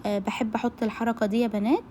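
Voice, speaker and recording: A cooking vlogger with an Egyptian Arabic accent chats very fast while cooking in her home kitchen, speaking outspokenly and directly to her female viewers. Her voice is fairly high, level in tone and mellow, with slight background noise.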